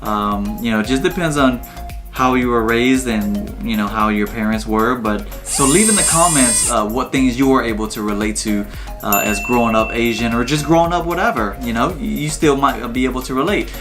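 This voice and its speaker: A man hosting a casual reaction video, talking in a relaxed, rambling way with plenty of fillers. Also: medium pitch, moderate pace, over music. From Vietnam. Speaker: channel host.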